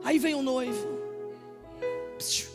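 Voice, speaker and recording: A woman pastor, preaching an impassioned sermon that builds to shouted, repeated appeals. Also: high-pitched, fairly even intonation, slow pace, over music. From Brazil. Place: church sanctuary. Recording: reverberant church hall.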